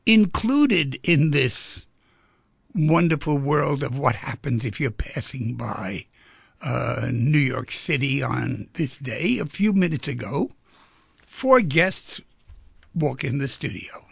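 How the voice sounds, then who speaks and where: A man's voice: mid-range voice, expressive, takes it slowly, creaky, husky, no room sound. A man hosting a radio talk show, chatty and rambling, asking guests lots of questions. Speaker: radio host. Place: radio studio.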